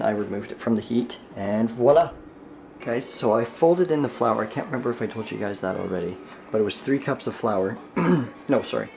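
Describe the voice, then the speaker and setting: A man's voice: mid-range voice, a little mellow, a little hiss or hum. Chatty young man vlogging. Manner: chatty and joking, laughs often. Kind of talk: casual vlog chat. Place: home kitchen and a store.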